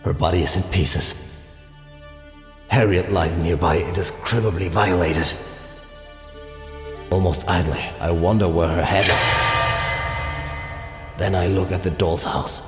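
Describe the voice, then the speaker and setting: A deep, haunted male narrator, played by a man, speaking slowly and gravely with chilling detachment. His voice rings in a long, echoing reverb, with loud music beneath. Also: fairly even intonation. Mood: grim. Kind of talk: dramatic narration.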